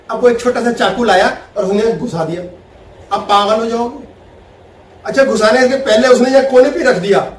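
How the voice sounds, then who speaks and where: Animated high-voiced man teaching in an echoey room. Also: recorded from a distance, a little hiss or hum. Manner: animated, laughing, acts out everyday scenes. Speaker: spiritual teacher. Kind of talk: spiritual talk with Q&A.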